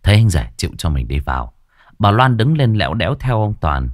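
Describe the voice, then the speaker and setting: A man's voice: lowish voice, sing-song, a little fast, no echo, clean studio sound. A man reading a ghost story aloud with dramatic, suspenseful delivery. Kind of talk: scripted ghost story narration.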